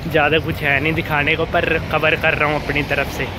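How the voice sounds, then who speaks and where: A man's voice: a little high, flat delivery, brisk, background noise. A young man in his twenties vlogging to a phone held at arm's length, chatting casually and upbeat on a city street and in a gym, laughing easily with friends. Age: 20s. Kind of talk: casual vlog chat to camera. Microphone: phone camera held at arm's length. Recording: loud background music over the voice.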